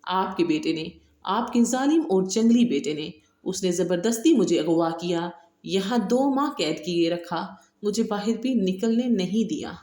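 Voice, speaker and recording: A woman voicing a distraught young woman who shouts and accuses in an audiobook novel reading. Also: on the low side, expressive, hardly any pauses, reverberant, close to an everyday voice. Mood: anguished, furious.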